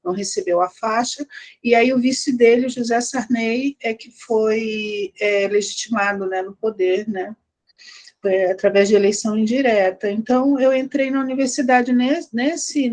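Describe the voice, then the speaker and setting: This guest academic, a history and anthropology researcher, is a middle-aged woman from Brazil, born in Rio and brought up in Belém, Pará. Her voice is higher and a little mellow. Reminiscing conversationally, she hesitates, repeats herself and leans on tag questions.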